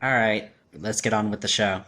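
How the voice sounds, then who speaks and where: A man's voice: lowish voice, fairly even intonation, normal speed, pushed and bright. A man co-hosting a casual anime podcast, joking with friends. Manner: playful, mock movie-trailer delivery at times. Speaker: podcast co-host. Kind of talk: casual group chat.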